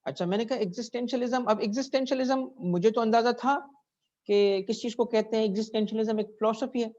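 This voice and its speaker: A man's voice: high voice, fairly even intonation, quick pace, a little mellow. A man giving a classroom lecture, who keeps checking in with his students and asks them questions. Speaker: teacher. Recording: dull lo-fi recording.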